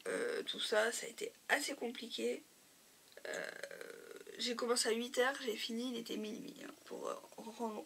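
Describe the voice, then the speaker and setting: A woman's voice: fairly high pitch, husky. A woman with a slightly nasal, stuffed-up voice, casually showing her crafts, hesitating often and sometimes dropping to a near whisper. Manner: hesitant, many fillers, drops to a soft whisper at times. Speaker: crafting vlogger. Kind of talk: casual show-and-tell.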